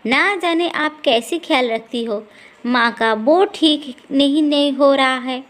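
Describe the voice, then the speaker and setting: A woman's voice: sits high, takes it slowly, a bit bright. A woman voicing a scheming young married woman who taunts and accuses her sister-in-law. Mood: accusing.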